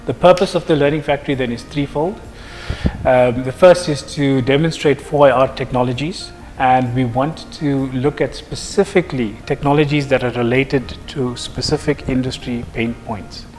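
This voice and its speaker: A man in his thirties from South Africa, a project manager answering interview questions in a measured way, with examples and frequent fillers, seated on a sofa and wearing a lapel mic. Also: medium pitch, fairly even intonation, a little mellow, big-room sound, soft background music. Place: office lounge, seated on a sofa.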